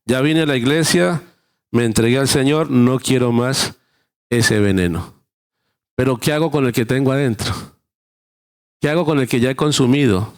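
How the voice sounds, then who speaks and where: Gravelly male pastor preaching. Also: medium pitch, moderate pace, long pauses. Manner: preaching with everyday illustrations, acting out dialogue. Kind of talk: sermon.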